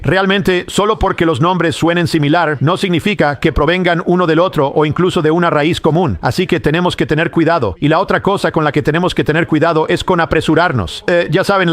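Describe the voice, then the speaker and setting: A man giving a sermon as a Bible teacher, explaining and reasoning step by step in a measured way. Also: on the high side.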